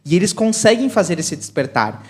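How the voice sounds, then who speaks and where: A man's voice: sits high, sing-song, a little fast, husky. A man who is a teacher, explaining things in a casual podcast chat.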